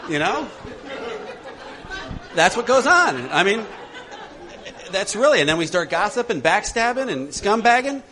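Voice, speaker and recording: A man leading a recovery workshop for a group, animated and laughing often as he acts out voices. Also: high-pitched, normal speed, a crowd in the background. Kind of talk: talk to a group.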